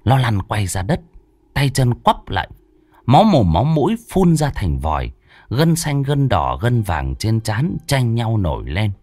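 A man's voice: mid-range voice, wildly swooping pitch, unhurried, a little mellow, no room sound. A man narrating a horror story in a dramatic, vivid storytelling manner.

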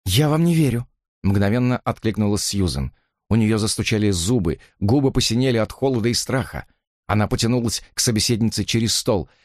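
A man narrating a novel as an audiobook reading, with expressive, dramatic delivery. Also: on the low side, fairly quick, no echo, studio quality.

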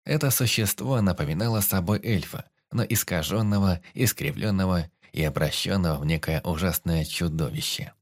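A man's voice: sits low, normal speed, few pauses, no echo, clean studio sound. A man narrating a first-person fantasy audiobook dramatically, voicing all the characters himself.

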